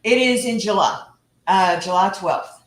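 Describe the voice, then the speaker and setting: A Texan home cooking host with a medium-pitched voice and measured pace chats casually during a live cooking session, teasing and laughing often. Her kitchen sounds roomy.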